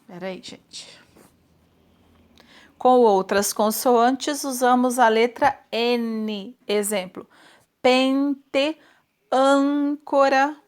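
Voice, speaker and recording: A woman teaching children a spelling lesson, talking slowly and patiently. Her voice sits fairly high, and she stretches out each example word so it can be heard clearly. She keeps checking in with quick little questions. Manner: checks in often with tag questions.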